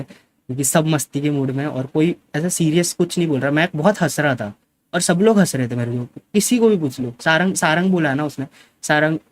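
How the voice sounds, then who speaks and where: A man's voice: on the high side, slight background noise. A man defensively telling his side of a story in a casual vlog, often repeating himself and switching into English. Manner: defensive, insistent, mixes English into his speech. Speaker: gaming streamer.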